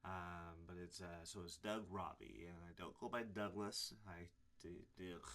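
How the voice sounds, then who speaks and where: Casting: man in his 40s, deep voice, preacher telling his own story, loose and rambling, lots of ums. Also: fairly even intonation, measured pace, a bit bright. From Illinois, USA. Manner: rambling, many fillers and restarts. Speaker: preacher giving his testimony. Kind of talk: casual personal testimony to camera.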